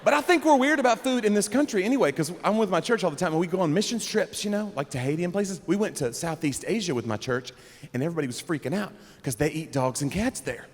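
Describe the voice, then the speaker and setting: A young man performing a stand-up comedy set, animated and breaking into loud character bits. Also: high-pitched, fast talker. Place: comedy club stage. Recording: live room with long reverb, faint crowd noise.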